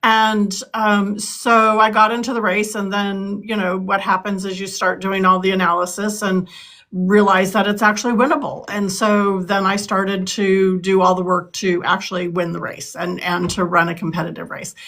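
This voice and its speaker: A woman in her sixties from California, a political candidate, answers interview questions earnestly, often saying um and restarting her sentences. Her mid-range voice is fairly bright, with a flat delivery at a moderate pace.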